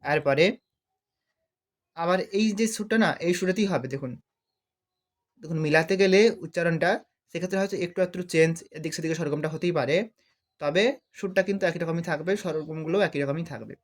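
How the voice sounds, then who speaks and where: A man with a Bengali accent teaching a devotional song on harmonium, naming the sargam notes and singing each phrase slowly to show it. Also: on the high side. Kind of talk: music lesson, speaking and singing along. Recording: harmonium playing loudly behind the voice.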